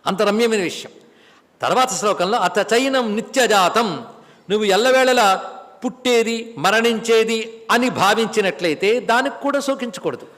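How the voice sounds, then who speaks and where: High-voiced man preaching in a hall. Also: lively intonation, normal speed, a bit bright. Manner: rhetorical questions, chants verses. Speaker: spiritual teacher. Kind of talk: religious discourse on scripture. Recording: long hall reverb.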